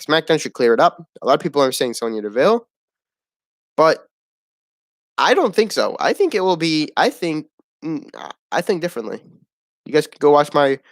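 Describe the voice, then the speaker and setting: A man's voice: a little high, no echo, studio quality. A man giving a casual, opinionated wrestling review, rambling, swearing and laughing at the show.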